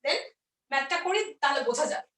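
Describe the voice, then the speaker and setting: A woman's voice: high voice, animated, fast talker, sharp tone, far from the mic, slight background noise. A woman teaching math step by step, asking questions and then answering them herself. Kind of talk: explaining a math lesson step by step. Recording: roomy echo, voice off-mic.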